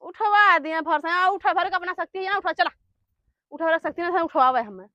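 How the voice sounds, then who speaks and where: Woman playing a shrill, scolding village wife. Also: moderate pace, no room sound. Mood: angry scolding. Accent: eastern Uttar Pradesh, Awadhi-Bhojpuri. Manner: loud, nagging, complaining. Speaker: actress in a village comedy sketch. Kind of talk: rural comedy sketch acting. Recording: dull lo-fi video sound.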